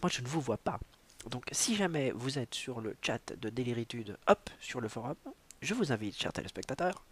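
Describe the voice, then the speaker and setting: A man hosting a solo livestream, rambling and self-mocking with stammering restarts and bits of playful English. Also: medium pitch. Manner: drops in playful mock English. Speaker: livestream host. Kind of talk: casual solo livestream chat.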